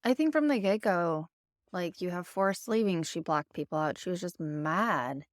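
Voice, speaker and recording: A woman's voice: on the low side, lively intonation, normal speed, no room sound, studio quality. A woman co-hosting a casual book discussion, asking questions and readily agreeing. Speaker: book club podcast co-host.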